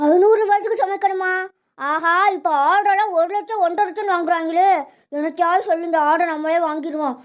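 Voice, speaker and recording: A woman's voice: very high-pitched, steady tone, a little fast. A woman voicing a grumbling old village grandmother. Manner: grumbling, chatty. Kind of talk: Tamil cartoon dubbing.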